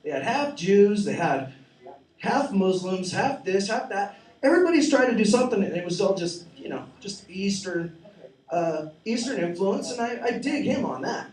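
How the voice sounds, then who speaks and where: A man in his forties rambles through a profane, self-mocking open-mic stand-up set in a small cafe. His voice sits high for a man, and it comes through in an echoey room with the mic set well away from him. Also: big pitch swings, moderate pace, darkish tone, far from the mic. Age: 40s. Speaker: stand-up comedian.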